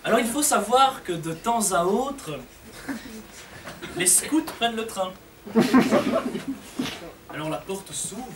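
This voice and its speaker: A young man performing a stand-up comedy sketch, telling stories lively and acting out characters. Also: sits high, slow pace, long pauses. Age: young adult. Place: café comedy stage with audience. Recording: echoey far-off room mic, loud crowd laughter and noise. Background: audience laughing.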